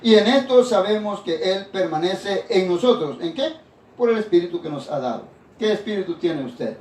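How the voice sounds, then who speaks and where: Male pastor, sermon delivery, higher-pitched voice, echoey room, mic at a distance. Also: darkish tone. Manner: preaching with repeated "hermanos", frequent restarts.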